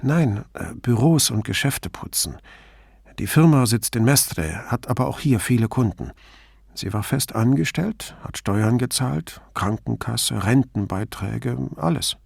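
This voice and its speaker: A man's voice: medium pitch, expressive, measured pace, vocal fry, slightly rough, dry recording, clean studio sound, heavily acted. A man voicing a female police commissioner who reports her findings coolly and wryly in an audiobook. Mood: matter-of-fact. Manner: coolly reporting facts, wry. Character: female police commissioner, dry and matter-of-fact.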